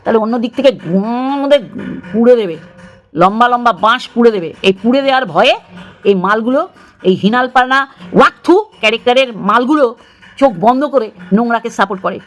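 Woman ranting angrily at commenters, scornful and abusive, kinda high voice. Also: brisk. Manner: scornful, abusive, disgusted outbursts. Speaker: vlogger. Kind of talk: angry commentary rant.

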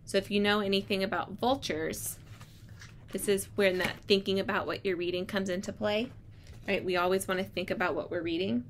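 A woman's voice: mid-range voice, fairly even intonation, fairly quick. Young woman teacher reading aloud, noisy room. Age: young adult. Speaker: elementary school teacher. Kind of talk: explaining and reading a picture book aloud to children. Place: small indoor room with block walls. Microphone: device microphone at arm's length. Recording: clear room noise, device microphone.

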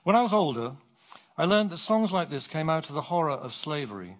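A middle-aged man from England, giving a public lecture from his script on a theatre stage. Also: on the high side. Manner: animated, clear and measured.

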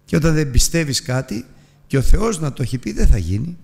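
Gravelly man teaching a Bible lesson. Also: on the high side, very animated, a little mellow. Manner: earnest storytelling with emphatic rises and drops; addresses listeners as brothers. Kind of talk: Bible lesson retelling a scripture story.

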